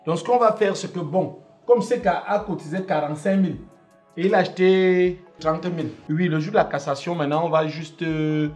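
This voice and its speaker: A man's voice: fairly high pitch, brisk, a little mellow, soft background music, close to an everyday voice. A man acting as an association president in a comedy sketch, hesitant and stammering as he talks.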